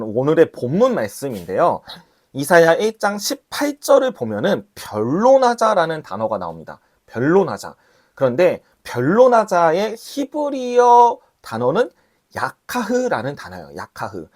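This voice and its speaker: A woman pastor preaching a sermon with a slight cold, clearing her throat now and then and acting out the voices she quotes. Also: low voice, huge pitch swings, normal speed, a little mellow.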